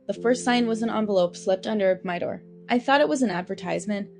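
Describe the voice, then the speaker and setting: A woman in her seventies narrating a scripted first-person family story in a measured, grave way with dry asides. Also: mid-range voice, gravelly, a little mellow, soft background music. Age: 70s.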